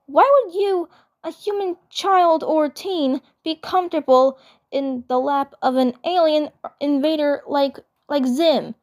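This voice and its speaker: A woman's voice: high voice, slow, darkish tone, pitched above the performer's own voice. A woman voicing an arrogant male cartoon alien invader who is flustered, grudging and stammering. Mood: flustered, incredulous.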